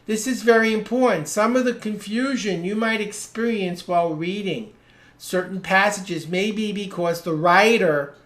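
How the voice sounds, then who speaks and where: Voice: mid-range voice, a bit bright. A reading skills instructor teaching a live webinar, explaining patiently and stressing single words to show how inflection changes meaning. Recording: roomy echo.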